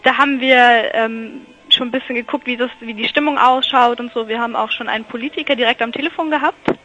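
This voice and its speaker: A woman's voice: on the high side, steady tone, fast talker, pushed and bright. A woman reporting live for student radio over a poor phone connection, chatting with frequent fillers. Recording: lo-fi telephone line.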